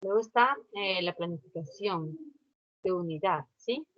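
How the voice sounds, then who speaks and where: A woman with a lowish, slightly bright voice teaches an online class at a measured pace, patiently repeating instructions and checking in with her students. She's on a computer mic for the virtual lesson, so the sound is dry, dull and lo-fi, with no echo.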